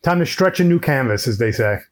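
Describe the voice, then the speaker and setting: A man guest on a podcast, telling a story in a measured, deliberate way over a headset microphone. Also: mid-range voice, animated. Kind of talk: casual storytelling chat.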